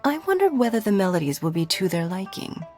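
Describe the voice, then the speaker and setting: An actress voicing a composed, courteous woman who leads a city, speaking in a formal, elegant, measured way. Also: mid-range voice, very animated, darkish tone, faint music behind, natural voice. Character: poised, courteous adult woman leader of a city. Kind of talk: video game voice acting.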